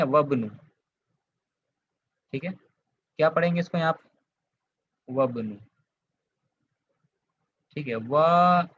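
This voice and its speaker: Here a man with a fairly high, somewhat bright voice teaches Arabic grammar. He is from India and has an Indian accent, and he patiently goes back over points while confirming students are with him. The recording is slightly dull lo-fi with a faint hiss.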